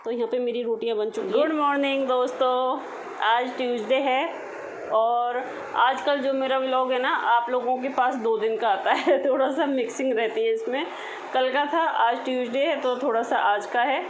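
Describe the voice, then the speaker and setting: A woman's voice: high-pitched, fairly even intonation, normal speed, noisy background. A woman in her thirties chatting casually to viewers in a home vlog, talking to them directly. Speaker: vlogger.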